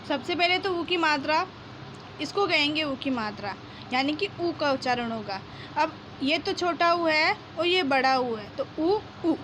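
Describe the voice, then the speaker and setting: Slow, high-voiced woman teaching children to read. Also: a bit bright, a little hiss or hum. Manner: sounds out syllables, then repeats whole words; asks questions and answers them herself. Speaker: primary school teacher. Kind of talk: slow spelled-out reading lesson for young children.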